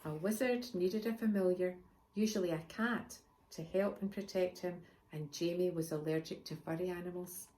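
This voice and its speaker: A woman, the author, reading her picture book aloud to children, expressive and chatty with asides to her listeners. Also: lowish voice. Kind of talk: children's storybook read-aloud.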